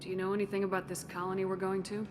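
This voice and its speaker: A woman's voice: mid-range voice, completely flat delivery, racing, lightly acted. An actress playing a composed, principled female military commander in a video game, direct and controlled. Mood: probing, composed. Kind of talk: cinematic video game dialogue. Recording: clear noise behind the voice.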